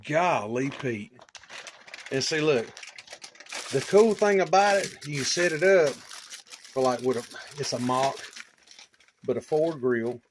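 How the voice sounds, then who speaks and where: A middle-aged man hosting a casual chat in his home hobby shop, excitable and swearing a lot as he exclaims over things. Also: medium pitch, slow, pauses often, slight background noise. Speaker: channel host.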